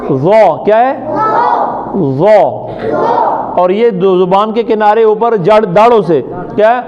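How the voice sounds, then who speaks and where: Male recitation teacher, high pitch, call-and-answer drills, lo-fi classroom recording with students around. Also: a faint crowd. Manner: drills letter sounds, asks and answers his own questions; chants recited words slowly in a sung tone. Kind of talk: classroom pronunciation lesson.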